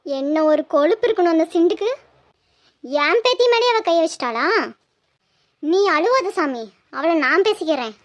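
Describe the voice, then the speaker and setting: Scolding old grandmother, tirunelveli tamil accent, very high voice, dry close sound, cartoon. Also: animated, moderate pace, pauses often, dry recording. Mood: indignant. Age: older. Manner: scolding, commanding. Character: bossy old village grandmother, sharp-tongued. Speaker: mother-in-law. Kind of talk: cartoon voice acting.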